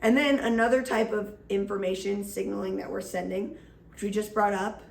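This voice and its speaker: An energetic woman teacher giving an upbeat, chatty classroom lecture. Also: medium pitch, moderate pace, creaky, far from the mic, a little hiss or hum. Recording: echoey room.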